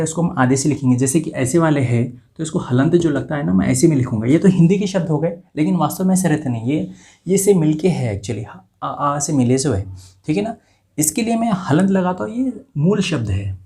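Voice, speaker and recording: A man teaching a script lesson, saying each letter slowly and carefully and repeating sounds one by one. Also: a little high, expressive, dark tone.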